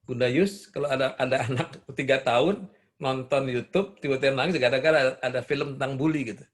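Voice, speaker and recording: A man's voice: medium pitch, fairly even intonation, a little fast. Older man giving a parenting talk. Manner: asks the audience questions, warm storytelling. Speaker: parenting seminar speaker. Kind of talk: seminar talk answering questions.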